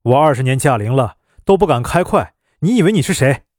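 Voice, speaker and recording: A grumpy veteran ambulance driver, put on by a storyteller, snapping short, irritable retorts at a quickened pace and with extra volume. His sarcastic lines come out sharp and a little higher than the narration, in a dry recording. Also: animated, dry recording, natural voice. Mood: irritated.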